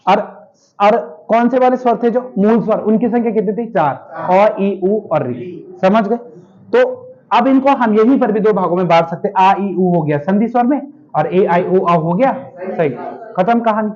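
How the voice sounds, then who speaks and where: A man's voice: high voice, moderate pace, a little mellow. A male teacher giving a grammar lesson, firing questions at his students and answering them himself. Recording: dull lo-fi classroom recording.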